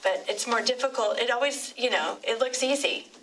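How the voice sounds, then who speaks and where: A middle-aged woman city commissioner giving an unscripted, emotional tribute at a public meeting, halting and digressive with many restarts. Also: a little high, fairly bright tone. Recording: distant mic with clear room noise.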